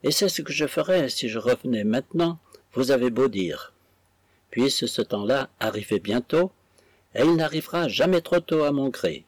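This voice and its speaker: A man's voice: medium pitch, lively intonation, moderate pace, dry recording, natural voice. A man playing a humble, frail old man. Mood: earnest. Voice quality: deferential, polite.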